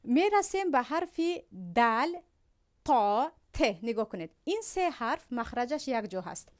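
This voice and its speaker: A woman with a Tajik accent teaching a Quran recitation lesson, explaining patiently and slowly drawing out sounds as she demonstrates them. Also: sits high, very animated, darkish tone. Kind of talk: religious lesson.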